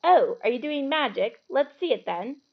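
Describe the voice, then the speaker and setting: A woman voicing a bossy, eager young schoolgirl who talks fast and self-assuredly in a storybook reading. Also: high voice, expressive, creaky, phone-quality sound, voice pushed up, exaggerated voice.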